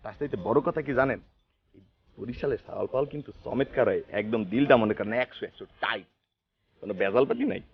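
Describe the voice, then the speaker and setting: A man with a Barishal Bengali accent, boasting in brash, rapid dialect banter in a TV comedy drama. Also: medium pitch, lively intonation, vocal fry. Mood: boastful. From Barishal region, Bangladesh. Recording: dull lo-fi TV audio with music.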